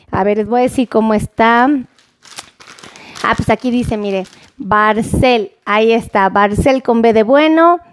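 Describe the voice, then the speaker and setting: A woman's voice: high voice, dry recording. A middle-aged woman with a Mexican accent, chatting casually on a live stream, greeting viewers by name and repeating phrases. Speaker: live-stream host on nutrition and diabetes.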